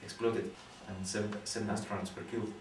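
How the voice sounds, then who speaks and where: A young Guatemalan PhD student in astronomy explains his research in an interview, speaking halting second-language English full of pauses, fillers and restarts, yet thoughtful. His low, darkish voice has a flat delivery. The mic is distant in a roomy space with faint background noise.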